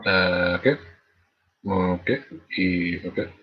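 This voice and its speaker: A man with a husky, slightly breathy voice sitting low in his range, chatting loosely through a subscriber Q&A. He drifts and restarts his sentences, leaning on fillers as he goes. The sound is dull and lo-fi. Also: slow. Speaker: channel host. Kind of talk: casual live Q&A chat.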